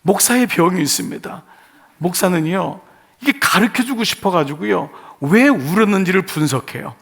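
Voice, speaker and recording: A man's voice: high-pitched, animated, normal speed, vocal fry, a bit bright, breathy edge. A male pastor giving an earnest sermon in short phrases, putting rhetorical questions to his congregation. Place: church sanctuary.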